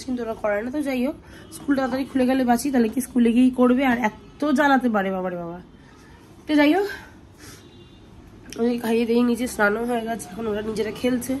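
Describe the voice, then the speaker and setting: A woman's voice: fairly high pitch, a little mellow. A woman, rambling through a casual family vlog at home and often saying "anyway". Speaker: family vlogger, mother of twins. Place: at home, indoors. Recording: noisy home ambience.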